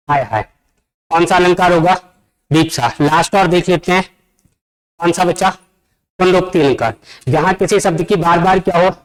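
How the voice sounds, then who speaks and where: Guy with a high voice teaching grammar for an exam, keeps asking the class questions as he goes. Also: low-quality recording. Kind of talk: exam-prep Hindi grammar lesson. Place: coaching classroom.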